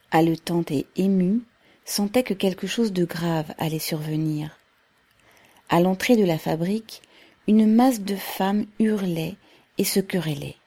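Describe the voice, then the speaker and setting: A woman narrating a novel in a measured, unhurried reading. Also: lowish voice, mellow, slightly rough. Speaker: audiobook narrator.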